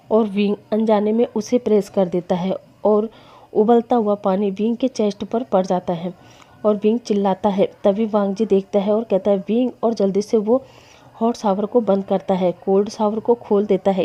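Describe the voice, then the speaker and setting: A woman's voice: mid-range voice, mellow. A woman telling a story in a casual, chatty narration. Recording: dull lo-fi recording.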